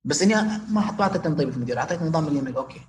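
A man's voice: on the high side, lively intonation, racing, background noise. A young Omani man telling personal stories casually as an interview guest, his Omani Arabic sprinkled with English words. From Oman. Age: young adult.

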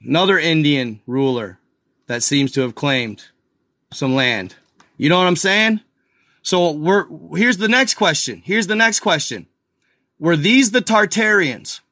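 A man hosting a casual video, talking excitedly over images on screen, speculating and firing questions at his viewers. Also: a little high, a little slow, no room sound, studio quality. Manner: addresses viewers as guys and y'all, lots of fillers. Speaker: video host.

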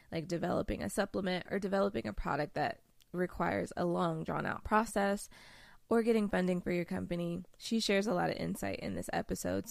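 A woman's voice: on the low side, vocal fry, a little mellow, dry recording. A woman hosting a podcast, talking in a bubbly, slangy, enthusiastic way. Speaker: podcast host. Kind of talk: casual podcast chat.

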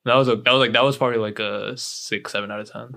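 A man's voice: medium pitch, fairly even intonation, fast, gravelly, bright, forceful tone. Chatty young man who laughs easily. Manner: chatty, laughs often, teasing. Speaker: podcast co-host. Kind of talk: casual chat.

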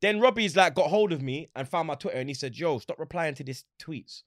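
A man with a London roadman accent and heavy street slang, chatting casually and acting out exchanges as he tells animated stories. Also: on the high side, fairly quick, no room sound, clean studio sound. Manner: animated storytelling, acts out quoted exchanges. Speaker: interview guest, football fan. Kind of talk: casual anecdotal chat.

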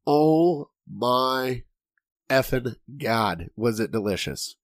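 A hoarse man hosts a casual podcast, his voice cracking as he talks. He rambles and jokes at his own expense, and the recording is dry and close. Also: mid-range voice, expressive, takes it slowly, dry recording. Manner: rambling, jokey, self-deprecating. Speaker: podcast host.

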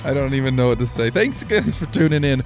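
A man with an American accent co-hosting a casual sports podcast, his voice slightly hoarse and giving out. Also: medium pitch, animated, fast, soft background music. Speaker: podcast co-host.

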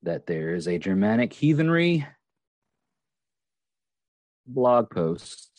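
A man's voice: fairly low pitch, big pitch swings, slow, darkish tone, no room sound. A man hosting a casual podcast, rambling with many fillers and restarts. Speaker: podcast host.

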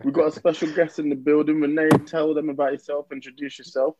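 A man's voice: on the high side, level tone, fast talker, darkish tone, highs cut off. A man with a London roadman accent hosting a casual podcast chat in slangy, laid-back talk. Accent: London roadman (urban slang). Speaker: podcast host.

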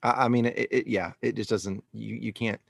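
A man's voice: lowish voice, steady tone, normal speed, vocal fry, fairly bright tone, slightly rough, no echo, clean studio sound. A man co-hosting a podcast, arguing emphatically in casual chat and repeating words as he pushes his point. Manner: emphatic, argumentative, repeats words when worked up. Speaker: podcast co-host. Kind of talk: casual conversational commentary.

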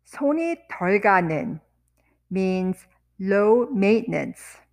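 A woman teaching vocabulary, saying each word slowly and deliberately, repeating words and sentences one piece at a time. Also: medium pitch. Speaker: language teacher. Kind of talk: vocabulary lesson with repetition.

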